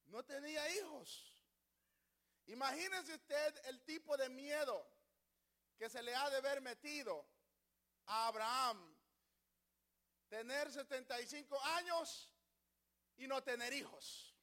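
An older man preaching a sermon, swinging from loud exclamations to quiet asides and acting out little voices. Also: very high voice, takes it slowly, long pauses. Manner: swings from shouting to hushed asides, acts out voices. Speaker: pastor.

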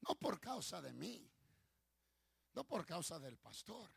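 A man's voice: high voice, big pitch swings, slow pace, vocal fry, breathy edge. A man preaching as pastor of his ministry, fervent, calling for applause and telling stories with many restarts. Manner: storytelling with restarts. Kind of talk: sermon.

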